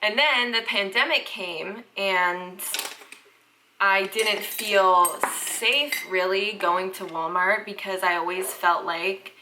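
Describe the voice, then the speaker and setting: Against a noisy background, a young woman from the Southern United States speaks slowly in a mid-range voice while vlogging about parenting. She's chatty and leans heavily on "like" and "freaking".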